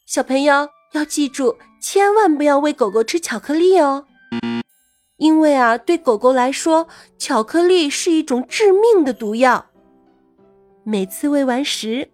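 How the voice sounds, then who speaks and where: Female children's host, very animated intonation, reading to a toddler, educational narration, light background music. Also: high-pitched. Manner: reading to a toddler, simple words with drawn-out particles and direct address.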